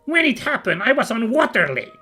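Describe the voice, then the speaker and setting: A woman playing a small, curt, shifty kobold servant in a fantasy video game, speaking raspily in clipped broken bursts. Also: fairly high pitch, sing-song, fairly quick, bright, forceful tone, faint music behind, exaggerated voice. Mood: blunt, matter-of-fact. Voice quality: raspy, creaky.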